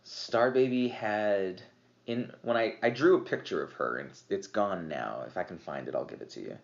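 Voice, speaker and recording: A man's voice: lowish voice, normal speed, vocal fry. A slightly tipsy man, a podcast guest, chatting casually about his game with lots of fillers and laughs. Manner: rambling, filler-heavy, laughs often. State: a little tipsy. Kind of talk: casual chat. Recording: roomy, dull lo-fi podcast audio.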